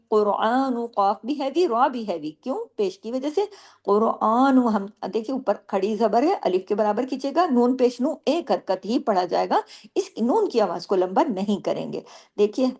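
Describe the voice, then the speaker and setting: A woman's voice: on the high side, darkish tone. Woman teaching Quran recitation rules. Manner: explains rules step by step, asking and answering her own questions; recites Arabic words slowly and drawn out between explanations. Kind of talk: tajweed lesson with recitation.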